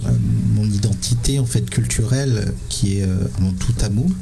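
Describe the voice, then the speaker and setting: A man from Sri Lanka, in his thirties, answering interview questions as a musician guest, halting with many fillers and repeated words. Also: fairly low pitch, vocal fry, very noisy.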